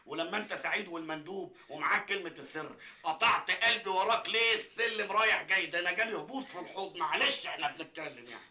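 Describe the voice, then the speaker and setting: An actor playing a boastful, bumbling comic agent in a TV comedy series, mocking and quick-witted, with an Egyptian Arabic accent. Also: male voice, high-pitched, bright, forceful tone, echoey room.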